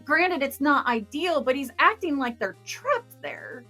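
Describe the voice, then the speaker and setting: High-voiced sarcastic woman recapping a movie. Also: animated, measured pace, pushed and bright, faint music behind. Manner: sarcastic, casual, swearing. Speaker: host of a movie review. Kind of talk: scripted comedic recap commentary. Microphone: close, dry voice-over mic.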